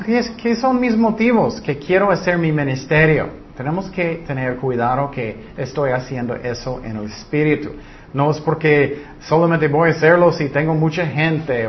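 An earnest man teaching a Bible study, lifting his voice to stress points. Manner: earnest, rises in pitch when stressing points. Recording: slightly dull recording with faint noise.

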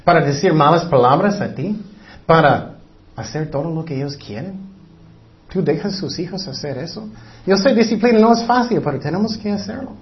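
A man's voice: fairly high pitch, expressive, normal speed, slight background noise. A man preaching a sermon as pastor, emphatic and repetitive, sometimes acting out short voices. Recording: dull lo-fi recording.

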